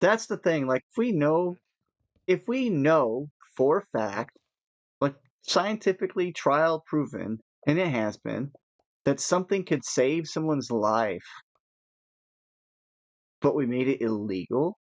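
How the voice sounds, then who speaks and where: A man chatting casually while gaming, rambling with nervous laughs and animated asides. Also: on the high side, slow, long pauses, dry recording, lo-fi sound. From United States. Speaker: gaming podcast co-host.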